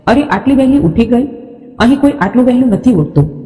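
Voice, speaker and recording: A woman's voice: fairly high pitch, expressive, a little fast, warm tone, close to an everyday voice. A woman reading the lines of a curt, stern mother-in-law in a storybook tale, with a long reverb.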